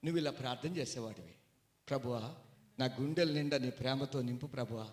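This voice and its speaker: A man voicing the Lord as a gentle, patient father figure, speaking calmly and softly. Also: mid-range voice, fairly quick, reverberant, voice pushed down, lightly acted. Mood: tender.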